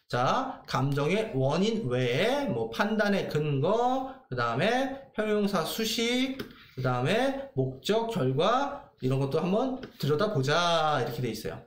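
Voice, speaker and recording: A man teaching English grammar in a lively lecture, asking questions and answering them himself. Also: high voice, reverberant. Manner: lively, asks and answers his own questions.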